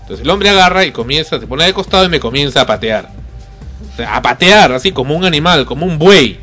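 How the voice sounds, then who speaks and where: Guy ranting on a talk show, kinda high voice, lots of angry questions. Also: expressive, fast, bright, forceful tone, soft background music. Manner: indignant, rhetorical questions, rising into outrage. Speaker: podcast host. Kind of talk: indignant storytelling on a talk show.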